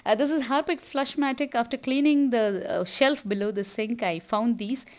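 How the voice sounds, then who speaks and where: A middle-aged woman with a Tamil Indian accent, narrating her household routine as a casual vlog voice-over in a chatty, halting way. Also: a little high, a little mellow. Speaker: homemaker vlogger.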